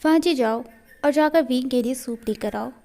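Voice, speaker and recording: A woman's voice: high voice, moderate pace, warm tone. A woman doing a firm, caring mother. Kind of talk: storytelling in a fan fiction reading.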